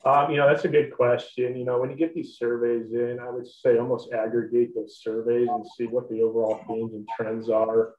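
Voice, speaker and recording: Flat-voiced man on a roomy, dull call. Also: medium pitch. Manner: measured, filler-heavy with many "you know"s. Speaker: guest panelist, former dairy co-op staffer. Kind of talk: webinar panel answer. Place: small home office. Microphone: headset mic on a video call. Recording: roomy, dull-toned video call audio.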